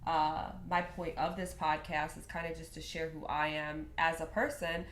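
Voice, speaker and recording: A woman's voice: low voice, steady tone, moderate pace, a bit bright. A woman from Michigan hosting a casual podcast chat, her nose stuffy and nasal from a sinus infection, talking with lots of ums. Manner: chatty, many ums. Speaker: podcast host. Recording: echoey room, faint noise.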